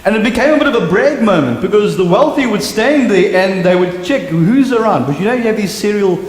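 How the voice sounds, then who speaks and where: A South African man preaching in a church sanctuary, his fairly high voice ringing out with long reverb around the room. He tells stories with lively gusto, acts out sounds and gossiping voices, then sinks to a hush to drive a point home. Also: brisk. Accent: South African English. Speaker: pastor. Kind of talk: sermon.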